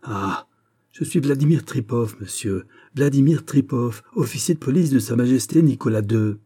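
A man reading an audiobook, voicing a furious bearded Russian policeman who shouts and repeats himself. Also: mid-range voice, moderate pace, breathy edge, natural voice. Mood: indignant. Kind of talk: audiobook character voice.

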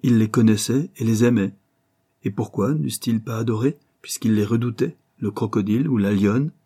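A man's voice: on the low side, normal speed, dark tone, husky. A man voicing a tall, graying archaeologist who tells a tale in a commanding, storytelling manner. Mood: musing. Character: tall weathered graying male archaeologist, authoritative.

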